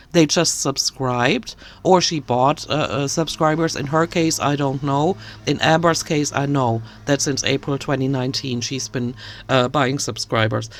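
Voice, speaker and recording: A commentary YouTuber with a deep voice rants indignantly, critiquing another creator. The recording is dry.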